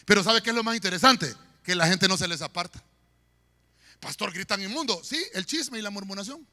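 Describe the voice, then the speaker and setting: High-voiced preaching man, bright, ringing hall. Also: lively intonation, fast talker. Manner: preaching with shouts and sudden drops to a murmur. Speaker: pastor. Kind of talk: sermon. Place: church sanctuary. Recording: long church hall reverb.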